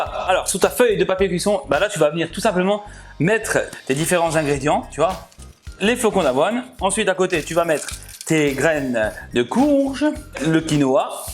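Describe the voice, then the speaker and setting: Chatty, jokey man hosting a cooking vlog. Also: sits high. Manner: chatty and jokey, often laughing, addresses viewers directly. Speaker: cooking channel host. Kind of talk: casual cooking vlog talk.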